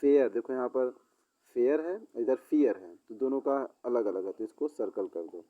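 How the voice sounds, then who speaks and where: A man teaching a school English lesson, explaining words in Hindi and reading English sentences haltingly. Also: medium pitch. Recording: dull lo-fi sound.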